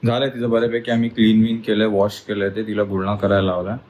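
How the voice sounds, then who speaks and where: A man's voice: fairly low pitch, monotone, fast talker, a little mellow, slight background noise, poor audio. Man coaxing a child at home. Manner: coaxing and soothing toward a child. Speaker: father and family vlogger. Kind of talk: casual home vlog narration. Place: home indoors.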